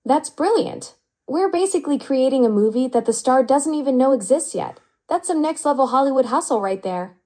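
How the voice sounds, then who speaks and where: A synthetic woman's voice of an AI chat assistant, upbeat and flattering with smooth, even delivery. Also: sits high, a little fast. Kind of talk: conversational AI reply.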